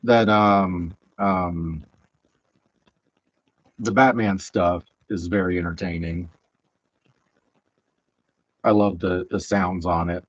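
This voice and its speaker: A man with a Southern accent chatting casually while streaming, rambling and halting with lots of fillers, on a headset mic. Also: deep voice, fairly even intonation, lo-fi sound. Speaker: streamer building Lego. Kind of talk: casual live-stream chat.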